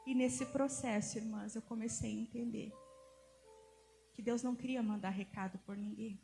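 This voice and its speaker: A woman preacher giving an emotional sermon to a women's conference, moving from soft passages to loud, emphatic ones. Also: on the high side, steady tone, moderate pace, gravelly. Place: church conference hall. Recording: reverberant hall with music behind.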